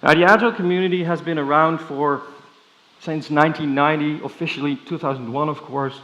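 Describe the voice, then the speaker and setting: A man's voice: a little high, fairly quick, muffled recording. Playful Dutch-accented man giving a keynote. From Netherlands. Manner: playful, energetic, with many fillers and restarts. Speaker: keynote speaker. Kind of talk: conference keynote. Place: large conference hall with audience.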